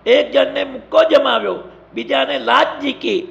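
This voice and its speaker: A man narrating an adventure story in a slow, deliberate storytelling manner. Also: extremely high pitch, creaky, fairly bright tone, dull audio.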